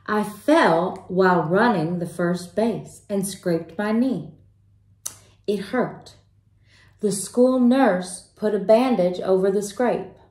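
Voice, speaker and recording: A woman reading a children's picture book aloud in a slow, gentle way, stopping to ask young listeners questions. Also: fairly high pitch. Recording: roomy echo.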